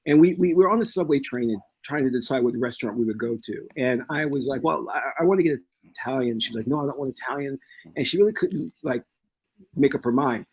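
A soft-spoken man who calls himself meek, telling an anecdote in casual discussion. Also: mid-range voice, brisk, slightly rough.

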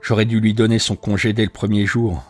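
A man's voice: on the low side, level tone, fairly quick, slightly rough, soft background music. A man voicing an anxious middle-aged widowed landlady who speaks in a troubled, pleading way. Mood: weary.

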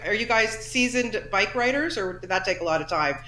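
A middle-aged woman interviewer from Canada with a bright, forceful voice, chatting in an effusive, gushing way. She sounds like she is in an echoey room on a video call. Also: medium pitch, expressive, a little fast. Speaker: entertainment interviewer.

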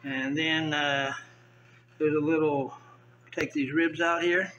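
A man's voice: on the high side, slow pace, muffled recording, slight background noise. An older man from the South, chatting casually as he fillets fish at a tiled kitchen counter, recorded on the camera mic. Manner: relaxed, chatty, thinking aloud while filleting fish. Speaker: vlogger. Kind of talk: casual how-to narration.

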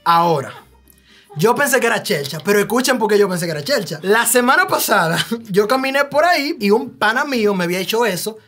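A man's voice: sits high, brisk, breathy edge. Young Dominican man telling a story. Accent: Dominican Spanish. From Dominican Republic. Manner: animated, acts out the robber's lines. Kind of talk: casual storytelling.

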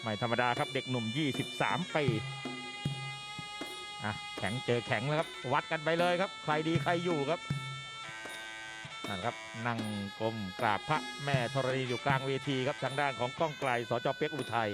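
A man's voice: mid-range voice, moderate pace. A man giving live commentary on a combat sports bout as a fight commentator. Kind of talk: live Muay Thai commentary. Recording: music playing behind commentary. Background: clear music.

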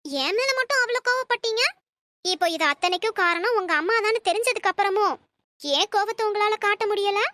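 A woman voicing a cold, defiant young wife in an animated cartoon, speaking in sharp, cutting retorts. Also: extremely high pitch, fairly quick, no echo, full character voice. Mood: angry, scornful.

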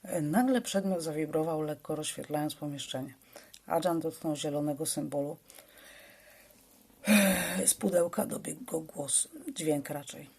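Woman reading a story aloud, low gravelly voice, little pauses here and there. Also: dark tone.

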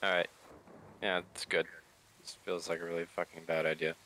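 Male tabletop player, low pitch with a forceful edge, casual chat. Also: level tone, moderate pace, slight background noise, low-quality recording.

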